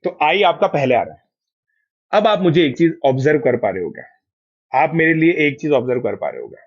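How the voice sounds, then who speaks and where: A man's voice: fairly high pitch, sing-song, fairly quick, slightly rough, dull audio. A man with an Indian accent teaching a math class online. He keeps coaxing his students to answer and confirm each step.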